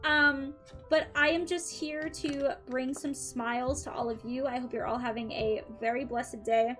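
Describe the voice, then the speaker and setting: A young streamer's high, fairly bright voice carries fairly even intonation at a measured pace as she chats with viewers between tarot readings. Soft music plays behind her; her throat is a little dry, and she's chatty and upbeat, often saying "um" and laughing lightly.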